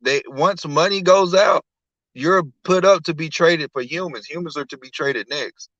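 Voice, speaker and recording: A man on a live stream explaining his beliefs slowly and firmly, like a preacher. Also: on the high side, fairly bright tone, no echo, dull audio. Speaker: guest. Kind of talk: casual live-stream talk.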